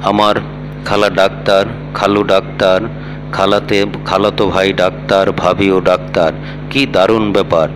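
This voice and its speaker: A man's voice: low-pitched, measured pace, in a large hall. A man voicing a proud, temperamental young woman who leads her friends, read in a storyteller's plain tone. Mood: chatty. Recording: steady hum and vehicle noise behind.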